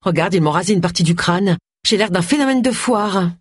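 A reader voicing Agatha, a sharp-tongued, complaining middle-aged woman. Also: medium pitch, animated, fairly quick, husky, no echo, clean studio sound. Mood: tart. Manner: tart and complaining.

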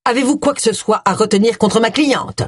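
An audiobook reader voicing a small, mild-mannered male lawyer who speaks curtly, in a husky, higher voice. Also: brisk, no room sound, studio quality, lightly acted. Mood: stern. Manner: curt, clipped. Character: timid sleepy little male lawyer, suddenly bold.

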